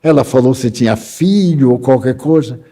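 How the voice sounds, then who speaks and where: A man's voice: mid-range voice, expressive, moderate pace, warm tone, close to an everyday voice. A man voicing an insistent male doctor who keeps asking pointed questions. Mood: probing. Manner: pressing questions.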